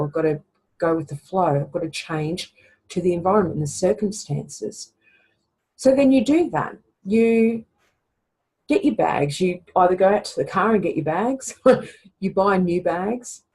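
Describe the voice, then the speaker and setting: Woman with a mellow, husky voice. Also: lowish voice, rough recording. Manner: conversational, often tags lines with "right?". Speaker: podcast host. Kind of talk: reflective casual talk.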